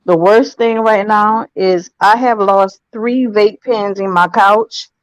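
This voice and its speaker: A woman with a Lowcountry Gullah Geechee creole accent, chatting casually. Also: steady tone, slow pace, dry recording, rough recording. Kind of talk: casual chat.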